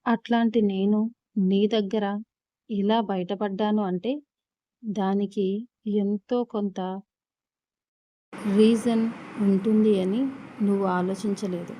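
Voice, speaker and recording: A woman's voice: medium pitch, dry recording, close to an everyday voice. A woman voicing a coaxing older sister. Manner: coaxing, hushed.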